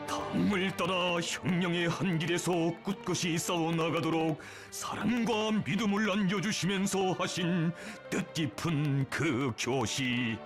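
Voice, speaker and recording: A man with a North Korean accent delivers propaganda documentary narration in a high-pitched voice. He declaims with solemn reverence and strong emotion, over a bed of music. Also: steady tone, unhurried, hardly any pauses.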